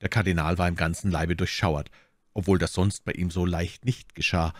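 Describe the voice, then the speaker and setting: A man reading a classic novel aloud as an audiobook narrator, in an expressive, theatrical style. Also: low voice, moderate pace. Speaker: audiobook reader.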